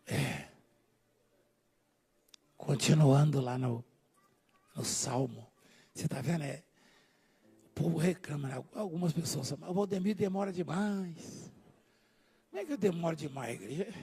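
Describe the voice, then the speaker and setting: A Brazilian man preaching a live church sermon, joking with the congregation and swinging from low asides to shouting. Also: lively intonation, measured pace, pauses often, breathy edge. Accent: Brazilian Portuguese. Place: large church hall.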